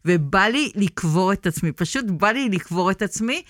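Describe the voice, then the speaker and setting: Middle-aged woman co-host, chatty and animated, laughs a lot, mid-pitched, dry close sound. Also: no room sound. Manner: animated storyteller, laughs often. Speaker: podcast co-host. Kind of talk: casual chat.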